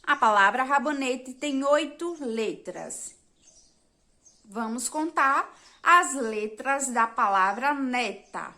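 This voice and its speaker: A woman teacher from Brazil giving a remote lesson to young children, talking to the class directly and counting out letters and syllables slowly and clearly. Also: sits high, expressive, sharp tone. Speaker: primary school teacher. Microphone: video lesson recording.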